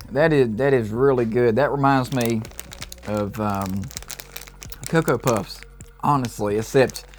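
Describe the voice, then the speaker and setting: A man giving an enthusiastic, casual review of low-carb snacks, reacting as he tastes them. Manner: upbeat, enthusiastic tasting reactions. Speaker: food reviewer. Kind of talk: casual product review vlog.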